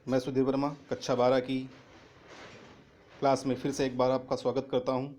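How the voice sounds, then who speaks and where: A man's voice: completely flat delivery, moderate pace, a little mellow, slight background noise. A man teaching a class, reading lines of a poem and then restating each one in simple words, his voice lifting when he stresses a point. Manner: rises in pitch and volume on emphatic paraphrases. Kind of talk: reading and explaining a Hindi poem.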